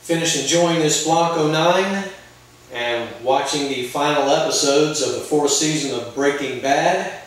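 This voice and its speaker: A man's voice: on the high side, unhurried. A man reviewing a cigar in a casual, rambling way, talking with a cigar in his mouth. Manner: rambling, chatty, self-correcting. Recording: very echoey room, mic far off.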